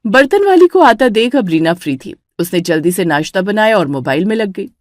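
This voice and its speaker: A woman narrating a cartoon story in an even storytelling manner. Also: medium pitch, brisk, no room sound, clean studio sound.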